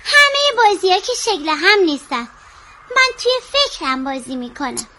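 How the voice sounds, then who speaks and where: A woman's voice: extremely high pitch, very animated, exaggerated voice. Zezé, a woman voicing a stubborn little boy. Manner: defiant, whiny when upset. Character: small poor imaginative boy, stubborn. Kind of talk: cartoon dub. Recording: loud background noise.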